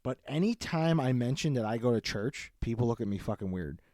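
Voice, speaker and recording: A man's voice: medium pitch, fairly quick, no room sound. A man co-hosting a casual podcast, ranting about pet peeves with lots of swearing. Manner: profane, ranting, animated. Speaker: podcast co-host.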